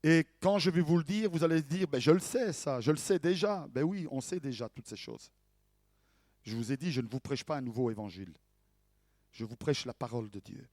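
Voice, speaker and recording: A male pastor preaching a sermon in an animated way, swinging from hushed to loud and asking rhetorical questions. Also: medium pitch, a little fast, dry recording.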